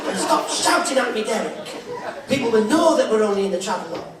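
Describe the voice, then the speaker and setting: A man's voice: high voice, big pitch swings, fairly quick, heavy background noise. A man putting on a sulky, martyred wife. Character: meek, passive-aggressive wife. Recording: echoey hall from far, loud crowd.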